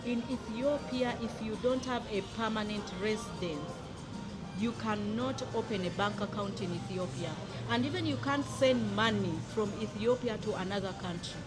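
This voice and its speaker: A woman with a Ugandan East African accent tells of her travels in a casual, emphatic, animated way, repeating words for emphasis. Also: medium pitch, moderate pace. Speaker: guest sharing travel experiences. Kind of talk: casual conversational storytelling. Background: music.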